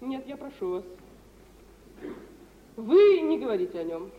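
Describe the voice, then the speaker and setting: In 1950s Russian radio theatre, a young actress plays a proud, sensitive dowerless bride, yearning and wounded, with impassioned delivery and weighty pauses. Her fairly high voice swings widely in pitch, sounding guarded and stern in a roomy space. The mid-century recording is muffled and hissy.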